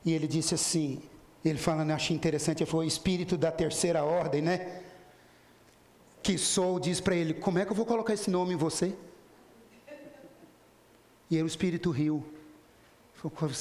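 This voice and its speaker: Guy giving a spiritist talk, kinda high gravelly voice, acts out the quotes, echoey hall. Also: a little mellow, slight background noise. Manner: retells dialogues in quoted voices, speaks directly to listeners. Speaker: spiritist lecturer. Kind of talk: storytelling lecture to an audience. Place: spiritist center lecture hall.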